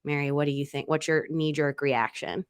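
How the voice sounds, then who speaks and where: A woman's voice: sits low, fairly even intonation, normal speed, clean tone, no room sound, studio quality. A woman co-hosting a podcast, chatting casually with lots of fillers and restarts. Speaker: podcast co-host.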